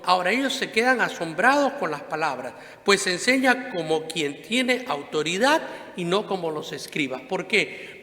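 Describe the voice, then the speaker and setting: High, bright-voiced priest in echoey church. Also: male voice. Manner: conversational preaching, frequent rhetorical questions and tag "¿no?". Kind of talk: Sunday homily. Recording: echoey church with long reverb.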